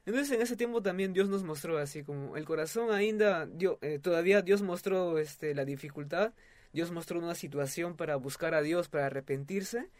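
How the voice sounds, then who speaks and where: A man's voice: a little high, moderate pace, no echo. A young man, telling a personal story in an interview, hesitant, with many fillers and restarts. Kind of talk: testimony in a casual interview.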